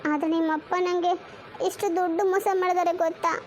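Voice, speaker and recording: A woman's voice: very high voice, flat delivery, quick pace. A woman voicing a wronged young mother of three, who scolds and sounds resigned.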